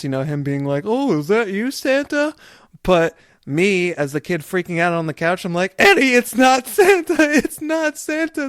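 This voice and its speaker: A man's voice: on the high side, clear, resonant tone, no echo, studio quality. A man co-hosting a podcast, talking in a casual, reflective way that meanders as he tells a story. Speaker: podcast co-host.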